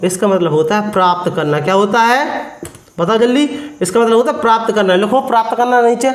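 A man teaches vocabulary in a live class streamed from his phone. He quizzes his viewers again and again and spells the words out slowly. His voice rings in an echoey room. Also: high voice.

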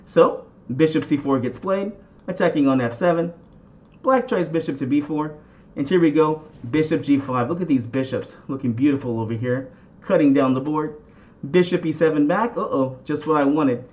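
A man with a slightly high voice talks viewers through chess moves like a teacher. He often turns to them with a question or a catchphrase. The recording is a bit dull and muffled. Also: moderate pace, darkish tone. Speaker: chess instructor and channel host. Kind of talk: instructional game commentary.

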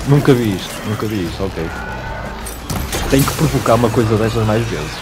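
A man's voice: lowish voice, expressive, a little fast, loud music behind the voice. A man with a European Portuguese accent giving casual gameplay commentary, chatting to the game and swearing when things get tense. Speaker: gaming streamer.

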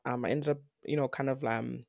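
A woman's voice: very deep voice, brisk, gravelly, no echo, clean studio sound. A young woman from Africa, chatting as a podcast guest, rambling with many fillers and restarts. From South Africa. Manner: rambling, many fillers and restarts, animated when quoting others. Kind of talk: casual interview chat.

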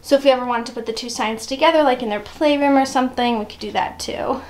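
A woman's voice: high voice, fast talker. A woman in her thirties giving a chatty, upbeat home tour, often laughing as she talks. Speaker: mom vlogger. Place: house rooms indoors.

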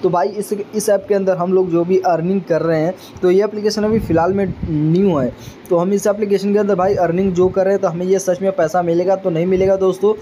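A man's voice: sits high, steady tone, fast, dark tone, slight background noise. A man walking viewers through a mobile app in a casual, chatty way, often checking in with them and calling them brother. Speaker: tech YouTuber. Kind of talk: casual screen-recording app walkthrough.

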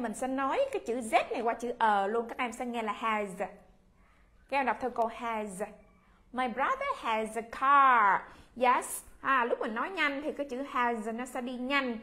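A woman English teacher from Vietnam giving a children's lesson, modeling phrases in a drawn-out way. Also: on the high side, fairly bright tone. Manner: slow, drawn-out model pronunciation.

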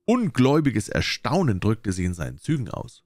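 A man reading a classic story aloud, with a low voice that moves widely in pitch. He tells it expressively. The sound is close and dry, with faint music in the background. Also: huge pitch swings, moderate pace, a little mellow, dry recording. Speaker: audiobook reader.

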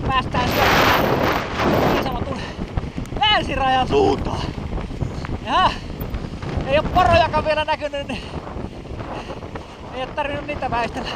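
A high-voiced man talks his way down a bike trail in casual running commentary, full of breathless exclamations and self-mocking asides. Loud wind noise roars over the camera mic outdoors. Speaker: mountain biker filming his ride.

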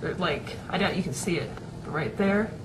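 A woman's voice: on the low side, normal speed, noisy background. Chatty young woman on a webcam. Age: young adult. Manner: rambling, chatty, many fillers and restarts. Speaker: vlogger. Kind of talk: casual webcam chat. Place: small home room, indoors. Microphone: webcam at desk.

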